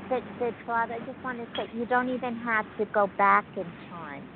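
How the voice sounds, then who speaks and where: A woman talking over a speakerphone on a group call, sounding distant and guiding others with gentle, reflective questions. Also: on the high side, normal speed. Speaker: support group participant. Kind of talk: casual conference call sharing. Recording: tinny phone line with loud hiss.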